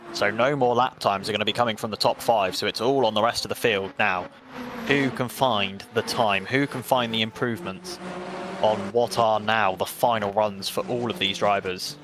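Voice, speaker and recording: A man with an English accent giving brisk, chatty play-by-play commentary on a sim race, with self-mocking asides. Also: lowish voice, steady tone, background noise. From England.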